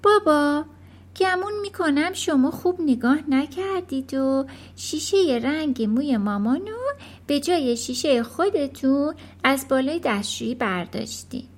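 A woman voicing a calm, clever little girl who speaks mildly. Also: high-pitched, voice pushed up. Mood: gentle. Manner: gentle and mild.

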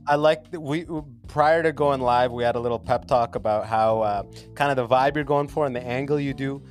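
A man's voice: mid-range voice, a little fast, faint music behind. A man from Sudan in his thirties, a comedian guest chatting casually on a podcast from his basement, joking and laughing between lines. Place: home basement.

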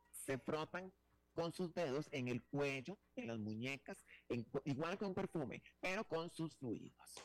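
A man's voice: fairly high pitch, no room sound. Guy hosting a talk show, playful and flamboyant, rambles and teases, dry close sound. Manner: flamboyant, teasing, chatty with many restarts. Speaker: show host.

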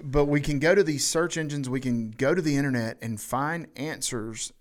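A man's voice: mid-range voice, normal speed. Southern-tinged man hosting a chat podcast. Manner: conversational, frequent affirming backchannels. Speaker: podcast host. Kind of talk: casual podcast conversation.

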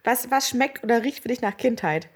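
A woman's voice: fairly high pitch, lively intonation, a little fast, slightly rough. A woman co-hosting a podcast in casual chat, talking animatedly, telling stories and laughing easily. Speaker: podcast co-host.

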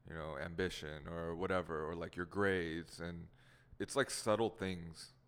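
A young man from the Seattle area, whose first language was Korean, hosts a casual podcast chat, laid-back and rambling with frequent laughs. His voice is low, a bit bright, clear and resonant, with fairly even intonation and an unhurried pace. He sounds like he's in a large hall.

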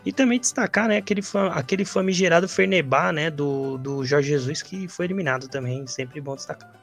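A man's voice: fairly high pitch, brisk, gravelly, faint music behind. A Brazilian man hosting a podcast in casual, slangy football chat, often checking that his co-host agrees.

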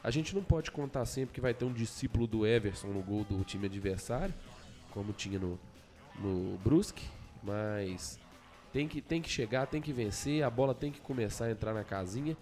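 A man gives an informal football preview over faint music. His voice is medium in pitch. He stumbles and repeats phrases to drive his point home. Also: animated, normal speed, a little mellow. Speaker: football team commentator. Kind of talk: informal match preview commentary.

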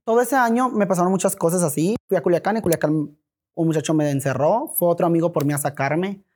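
A man's voice: high-pitched, fast, a little hiss or hum. A man with a Mexican accent, a podcast guest telling a story in casual talk, swearing freely and acting out the dialogue. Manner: animated, swears freely, acts out quoted dialogue.

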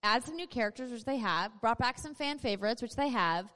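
A woman's voice: a little high, animated, fairly quick, sharp tone. An American woman hosting a casual live panel, chatty and joking as she talks to the audience. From North Dakota, USA. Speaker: panel host. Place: large convention panel room with live audience. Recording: echoey hall, live panel PA.

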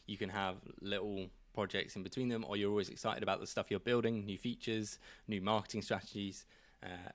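A man's voice: fairly low pitch, dry recording. A man chatting casually on a podcast, laying out his plans and thinking aloud with fillers. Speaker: podcast host.

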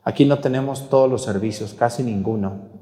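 A man's voice: medium pitch, brisk, dark tone, roomy sound, in a large hall. A man with a Mexican accent preaching a sermon during Mass. He scolds the viewers bluntly and asks many rhetorical questions. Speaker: priest.

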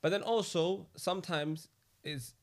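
A man's voice: a little high, unhurried. A young man with a London roadman accent and street slang, chatting casually on a podcast. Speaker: podcast participant.

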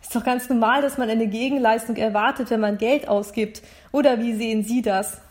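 A woman's voice: on the high side, steady tone, fairly quick, darkish tone, lightly acted. A woman reading a novel aloud, voicing a pushy, entitled young man who sounds smug and defensive. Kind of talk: audiobook character voice.

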